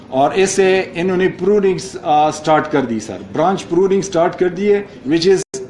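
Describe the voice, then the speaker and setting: A man's voice: fairly high pitch, a little mellow. A man presenting a project report slide by slide, mixing English into his speech with many hesitations and frequent "sir". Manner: mixes English phrases into Urdu, many fillers, addresses listener as sir.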